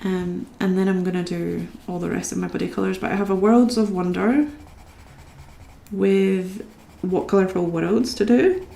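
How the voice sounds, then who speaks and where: A young Scottish woman chats away to viewers while colouring on a live stream, talking to them as she works. Her mid-range voice moves at a normal speed and sounds mellow with a creaky edge. The audio has a roomy quality.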